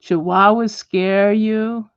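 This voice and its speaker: A woman hosting a home livestream as she colors. She chats with viewers and answers them by name, and now and then she drops to a soft whisper. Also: medium pitch, fairly even intonation, slow pace, no echo, dull audio. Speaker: livestream host. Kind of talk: casual chat while coloring, reading viewer comments. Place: at home, indoors.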